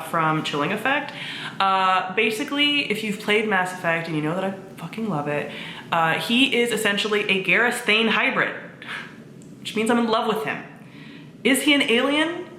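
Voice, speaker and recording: Her voice lowish, bright, and forceful, this video host and book reviewer gushes informally to camera, swearing mildly now and then. Faint noise and an echoey room surround her.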